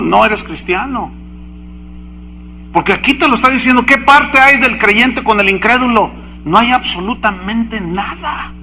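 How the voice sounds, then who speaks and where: A man preaches a sermon in a high, bright, ringing voice. He drives his points home with emphatic rhetorical questions to the congregation. A faint hum sits under the recording. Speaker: pastor.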